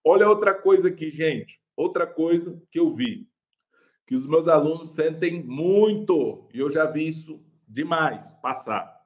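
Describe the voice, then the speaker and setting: With a Brazilian Portuguese accent, this young adult pastor runs a live online lesson on preaching, lively and chatty. His fairly high voice moves a little slowly, often breaking into laughter as he addresses viewers as "gente".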